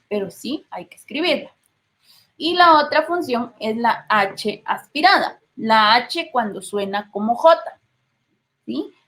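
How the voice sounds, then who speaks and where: A woman's voice: fairly high pitch, a bit bright, poor audio. A woman teacher with a Guatemalan accent giving a patient classroom lecture, often checking in with her listeners. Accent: Guatemalan Spanish. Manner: explains patiently, checks in with frequent rhetorical questions.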